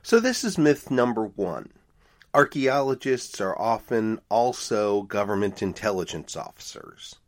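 A man's voice: fairly low pitch, measured pace. A middle-aged man hosting his own podcast, telling stories in a casual, wry, conversational way. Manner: animated, conversational, wry asides. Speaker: podcast host, archaeologist.

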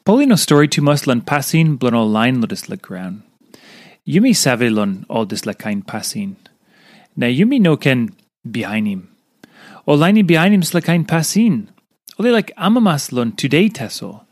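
A man's voice: medium pitch, sing-song, moderate pace, a little mellow, no room sound, clean studio sound. A man with a Papua New Guinean accent reading a scripted devotional in Papua New Guinea pidgin. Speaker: devotional reader.

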